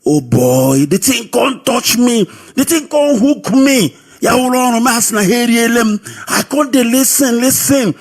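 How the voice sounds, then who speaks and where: High husky Nigerian Pidgin man. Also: normal speed, few pauses. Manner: lively storytelling, sing-song. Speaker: radio caller. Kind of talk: personal testimony. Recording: radio broadcast audio.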